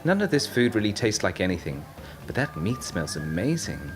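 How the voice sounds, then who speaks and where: A man's voice: fairly low pitch, very animated, normal speed, over music. A man voicing a naive, trusting young woman at a party, lifting his voice a little, in an audiobook story. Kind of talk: audiobook narration.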